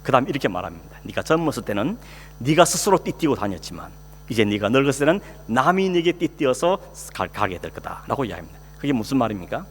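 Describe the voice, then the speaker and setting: The Korean-accented pastor talks fast in a mid-range, sing-song voice with a breathy edge, keeping his sermon conversational. He asks the congregation questions and acts out quotes, recorded in the sanctuary with long hall reverb and a faint hum.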